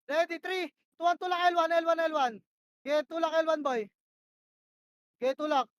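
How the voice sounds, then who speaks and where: A woman with a very high voice directs her team during a shooter match at normal speed, firing off short, repeated commands in rapid in-game comms and cursing when she gets frustrated.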